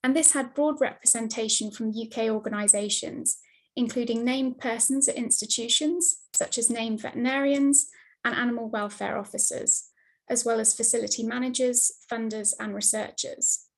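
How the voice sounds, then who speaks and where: A woman giving a steady, scripted slide presentation over a video call, her mic cutting in and out. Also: fairly high pitch, normal speed, poor audio. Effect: video call audio, mic cutting in and out. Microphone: computer mic on a video call.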